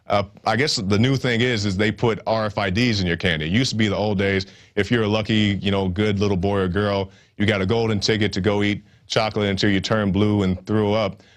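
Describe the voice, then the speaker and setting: A man's voice: on the low side, steady tone, a little fast, hardly any pauses. A man hosting a nightly news show, talking loosely with joking asides and restarts. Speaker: news host. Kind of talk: casual news commentary.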